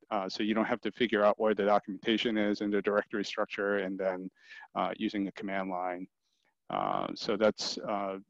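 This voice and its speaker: A man's voice: on the low side, dry recording. A man presenting at an online meetup, talking casually with many fillers and restarts, through a headset. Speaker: community program manager presenting. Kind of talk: screen-share meetup presentation. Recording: dry, dull lo-fi video call audio.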